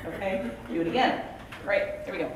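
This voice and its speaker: A woman's voice: medium pitch, brisk. A woman coaching singers in rehearsal, talking in a chatty, emphatic way and demonstrating as she goes. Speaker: vocal coach. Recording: echoey room, far mic, background noise.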